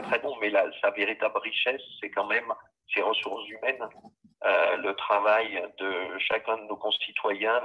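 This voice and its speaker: A man's voice: on the low side, breathy edge. A man speaking as a guest on a political livestream, heard through a phone on speakerphone, formal and speech-like as he searches for words. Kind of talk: political address on a live video meeting. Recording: muffled lo-fi phone speaker sound.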